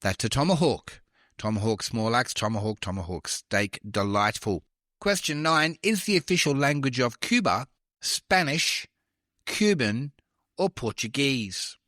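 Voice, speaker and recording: A man's voice: medium pitch, big pitch swings, unhurried, sharp tone, dry recording, clean studio sound. A man hosting a trivia podcast, reading questions with chatty, self-deprecating asides. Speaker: quiz podcast host.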